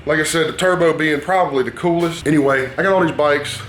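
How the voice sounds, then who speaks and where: A man's voice: a little high, fast, fairly bright tone. Rambling hillbilly-accented man in a noisy shop. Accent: Southern US hillbilly drawl. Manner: rambling, folksy, talkative. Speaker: motorcycle painter and builder presenting a how-to. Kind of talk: casual hands-on tutorial talk. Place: dingy workshop. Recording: noisy workshop ambience.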